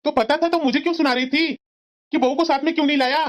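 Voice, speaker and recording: A woman's voice: high voice, fairly even intonation, quick pace, close to an everyday voice. A woman voicing an irritable young husband who snaps and complains at his family, in a cartoon story. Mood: angry. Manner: snapping, complaining. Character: irritable young husband, short-tempered son. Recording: dull lo-fi sound.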